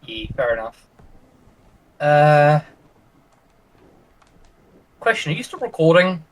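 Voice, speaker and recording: A man's voice: fairly high pitch, very animated, slow pace, rough recording. A man playing a tabletop game, chatting casually with the game master in an easygoing, jokey way. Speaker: player. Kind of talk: casual chat after a tabletop session.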